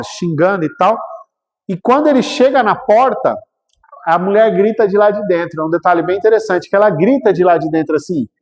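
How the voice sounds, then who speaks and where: At a spiritual talk, a guest speaker with a Brazilian Portuguese accent tells a story in his high voice. His telling is animated: he performs the quoted lines and keeps checking in with the audience, all within a long, echoing hall reverb.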